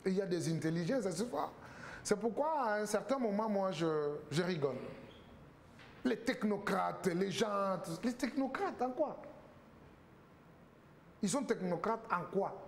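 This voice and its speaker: Man, talk show guest, emphatic, rhetorical, slightly high voice. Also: expressive, unhurried, pauses often, a little hiss or hum. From Congo. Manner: emphatic, rhetorical questions, repeats words. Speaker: political guest.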